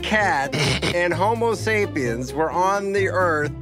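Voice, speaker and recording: Measured man correcting facts, music behind. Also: high voice, lively intonation. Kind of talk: casual chat.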